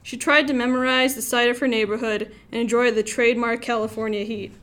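A young woman from Los Angeles, a student author, reading her own story aloud in a wry, expressive way. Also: on the high side, fairly quick. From Los Angeles, USA. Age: young adult.

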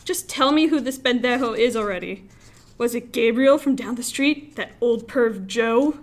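Woman doing a scolding religious mom, furious, kinda high pitched. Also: normal speed, lightly acted. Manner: accusing, scolding.

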